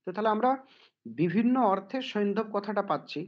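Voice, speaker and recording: A man's voice: sits high, fairly quick, muffled recording. A man teaching philosophy in a conversational lecture, checking in with "right?" and acting out small everyday scenes. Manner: conversational, asks "right?" often, acts out little quoted scenes. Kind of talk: explanatory lecture with everyday examples.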